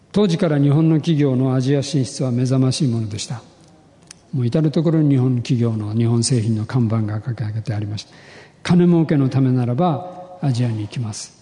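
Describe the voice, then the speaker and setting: A man gives a heartfelt sermon testimony in a mellow, darker voice. He tells his story in a measured, earnest way, and his words ring out with a long echo through a church hall. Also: mid-range voice. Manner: earnest, measured storytelling with rising emotional emphasis. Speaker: pastor.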